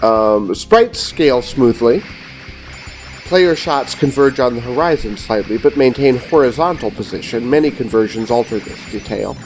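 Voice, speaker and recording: A middle-aged man, giving scripted, measured and precise review narration as host of a retro gaming show. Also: medium pitch, lively intonation, a little mellow, faint music behind.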